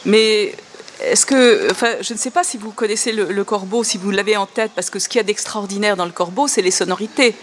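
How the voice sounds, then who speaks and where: A woman's voice: mid-range voice, brisk, slight background noise. A woman speaking as an interview guest, talking in a hesitant way with many fillers and restarts, and laughing at her own readings. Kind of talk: conversational interview talk.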